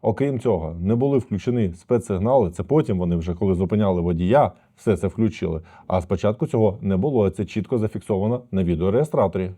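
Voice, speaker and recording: A man, a lawyer, commenting on a dashcam video and calmly explaining to viewers what went wrong. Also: on the low side. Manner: measured, explanatory, addresses viewers as friends.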